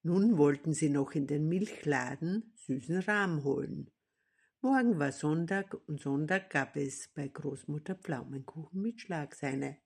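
A woman narrating a children's storybook aloud, slow and deliberate. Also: deep voice, darkish tone, husky.

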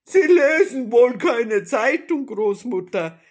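A woman voicing a gruff, bossy male robber in a storybook reading, barking commands and growling threats. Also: fairly high pitch, lively intonation, takes it slowly, pitched above the performer's own voice. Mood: gruff, threatening.

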